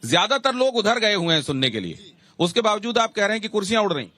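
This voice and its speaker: Tv anchor guy running a debate, high bright voice, keeps cutting in. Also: sing-song, fast, no echo. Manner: interjecting, pressing for answers. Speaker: TV news anchor moderating a public debate. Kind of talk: moderating a heated debate.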